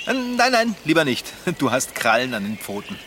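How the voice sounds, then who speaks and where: A man's voice: medium pitch, huge pitch swings, moderate pace, background noise. An actor playing a confused man with no memory who stammers and giggles nervously, in a children's radio play. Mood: bewildered. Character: bewildered man with no memory, bike mechanic. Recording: outdoor nature ambience behind.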